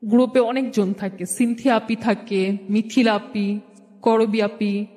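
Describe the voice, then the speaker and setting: On the high side with a warm tone, this young woman with a Bangladeshi accent speaks at a measured pace and a flat delivery as a guest telling her life story colloquially, acting out the conversations. Long, echoing hall reverb fills the recording.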